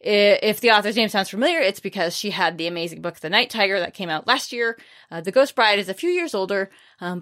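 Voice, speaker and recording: This podcast host reviews books in a relaxed, informal way, her voice mid-range with a fairly bright tone. Her recommendations come sprinkled with dry, low-key remarks.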